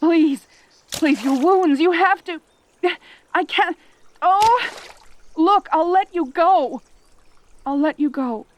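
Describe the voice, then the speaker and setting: In a roleplay audio drama, a woman voices a lonely, possessive centaur girl, sounding tender, startled and desperate. Her very high-pitched delivery halts, sighs and pleads, and there's a little hiss or hum on the recording.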